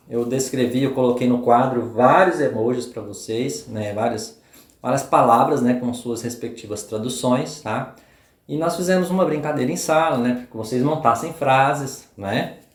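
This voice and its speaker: A man from Brazil gives a review lesson before a test, walking through each rule and checking in often with short questions. His voice sits at a middling pitch. The recording bounces around an echoey room. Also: moderate pace. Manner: explains step by step, checks in often with short tags. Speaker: English teacher.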